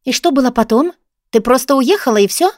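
Zhanka, a woman doing a blunt loud girlfriend. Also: high-pitched, lively intonation, brisk, no echo, studio quality, pitched above the performer's own voice. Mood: mocking. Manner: loud, indignant, mocking outbursts. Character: young female student friend, blunt and excitable.

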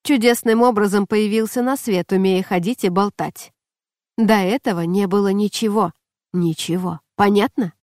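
A woman's voice: medium pitch, moderate pace, darkish tone, dry recording, studio quality, natural voice. A woman reading a brooding young male theatre sprite. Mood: musing.

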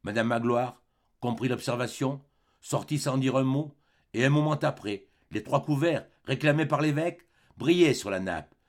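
A man reading a classic novel aloud as an audiobook narrator, measured and expressive. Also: medium pitch. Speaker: audiobook reader. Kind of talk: scripted literary narration.

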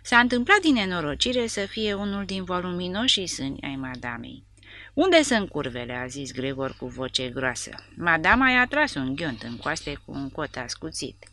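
A woman reading a novel aloud as an expressive narrator. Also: low voice, hardly any pauses, no room sound. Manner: expressive storytelling. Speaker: audiobook narrator. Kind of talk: scripted narration.

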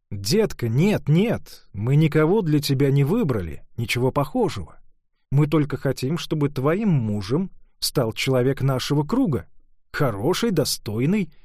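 A man voicing a proper middle-aged mother who lectures her daughter in a measured, disapproving way. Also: a little high, a little mellow, no echo, studio quality.

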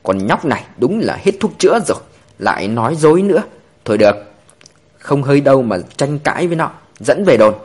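Impatient, gruff cop, read by a man; low, curt, raspy edge. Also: sing-song, a little fast, a little mellow. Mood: irritated. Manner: gruff, irritated. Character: gruff, impatient male police officer.

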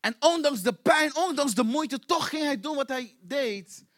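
A man preaches to his congregation with fervent, repetitive intensity, hammering the same question again and again. His voice sits very high for a man and rings bright and forceful. The sound is dry and close to the mic. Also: lively intonation, a little slow, no echo. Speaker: pastor. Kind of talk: sermon. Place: church.

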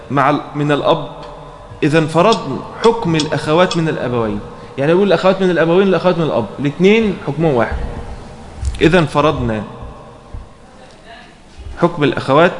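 A man's voice: on the high side, slight background noise. A man with an Egyptian Arabic accent, teaching a religious law text to students, reading passages and then explaining them with frequent check questions. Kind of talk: explaining a fiqh text in a lesson. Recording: roomy echo, faint background ambience.

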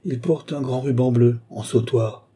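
A man voicing an entranced woman seer who answers obediently and haltingly. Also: medium pitch, dark tone, slightly rough. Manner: halting, submissive replies.

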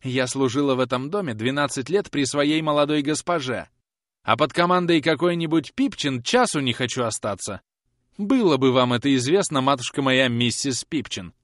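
A man reading an audiobook aloud, voicing a sharp-tongued young housemaid who talks back quickly and defiantly. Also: medium pitch, expressive, no echo, clean studio sound, voice pushed up, natural voice. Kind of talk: audiobook character voice.

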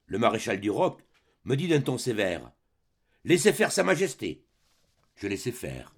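A man's voice: fairly low pitch, sing-song, moderate pace, husky, pitched below the performer's own voice. A man reading the part of a boastful old grenadier sergeant, declaiming rhythmic verse in a dramatic reading of a play. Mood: storytelling.

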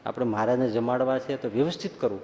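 A male swami giving a storytelling sermon, lively and acting out the people in his stories. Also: mid-range voice, fast talker. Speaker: swami preacher. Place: large hall at a religious school. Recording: echoey hall, faint background hum.

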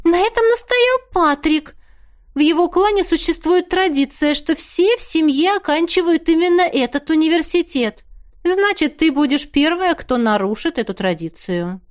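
A woman's voice: very high-pitched, expressive, normal speed, pitched above the performer's own voice. A woman voicing a spoiled young woman who whines and pleads with her cousin. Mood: petulant. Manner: whining, pleading.

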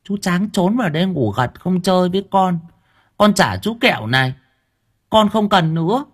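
A man's voice: very animated, moderate pace, slightly rough, heavily acted. A whimpering little boy. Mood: sulky. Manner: high, whimpering and tearful. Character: frightened little village boy.

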